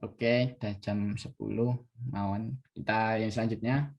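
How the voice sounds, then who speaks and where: A man's voice: lowish voice, steady tone, a little slow, creaky, darkish tone. A young man giving a casual online design class, talking hesitantly with many fillers and restarts. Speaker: workshop speaker.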